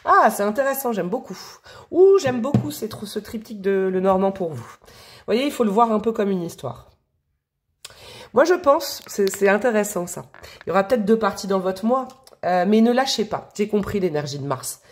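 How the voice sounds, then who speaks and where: A woman's voice: medium pitch, lively intonation, moderate pace. Chatty, affectionate woman reading tarot. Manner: chatty and affectionate, with frequent fillers and asides. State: sniffly from allergies. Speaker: tarot reader. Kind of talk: casual tarot reading to camera.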